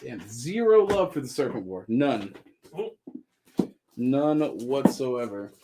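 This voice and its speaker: A man hosting a live comic book sale, running through items with upbeat, joking pitchman patter. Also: sing-song, slow pace, noisy background. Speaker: host selling comics on a live stream. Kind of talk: live sales chat.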